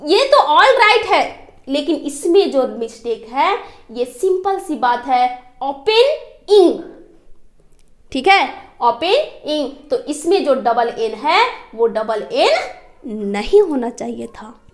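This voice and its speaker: Young female teacher with a high-pitched voice; patient classroom explainer who checks understanding after every point. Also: big pitch swings. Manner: constantly quizzes students, checks understanding; slow, spelled-out explanations. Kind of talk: classroom lesson.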